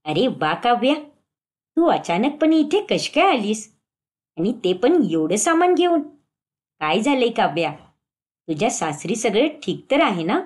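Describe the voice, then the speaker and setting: A woman reads a stern middle-aged mother-in-law in an animated family story, in a fairly high voice. She scolds and gives orders, her pitch rising and falling widely. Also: measured pace, long pauses. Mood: scolding. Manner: scolding, commanding.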